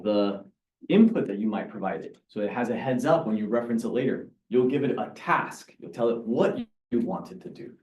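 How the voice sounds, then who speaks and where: A man giving a lively talk to a meeting audience, explaining with examples and asking questions. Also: medium pitch. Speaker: presenter. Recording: echoey room, mic from far off.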